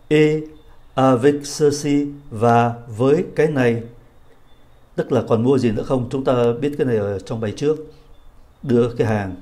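A man teaching a French reading lesson, reading phrases slowly and carefully and then explaining them quickly. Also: mid-range voice, dark tone.

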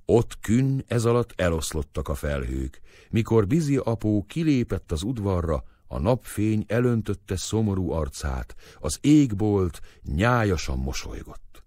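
Expressive low-voiced male audiobook narrator. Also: dry recording, studio quality. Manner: expressive, acts out dialogue with raised voice. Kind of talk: scripted literary narration.

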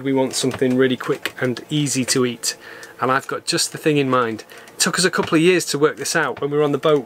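A man's voice: medium pitch, a bit bright, slight background noise. A man in his thirties, hosting a sailing vlog and chatting as he explains boat chores. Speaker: vlog host. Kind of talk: casual vlog narration. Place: aboard a moored sailboat.

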